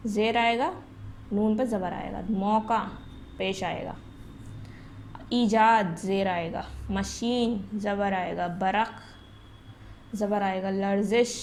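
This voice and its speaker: A woman with a medium-pitched, slightly mellow voice teaches a lesson, explaining each step patiently. She puts questions to the class and answers them on her own, over slight background noise.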